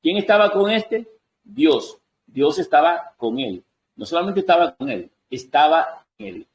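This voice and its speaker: A man's voice: on the high side, animated, unhurried, gravelly, low-quality recording. A man giving a Bible study lesson, reading verses aloud and answering his own questions. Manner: adjusts on-screen text while talking. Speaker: Bible teacher.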